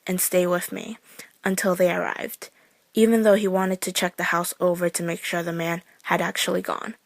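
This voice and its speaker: A woman reading out a true scary story in a measured, suspenseful way. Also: lowish voice, no echo. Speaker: horror story narrator.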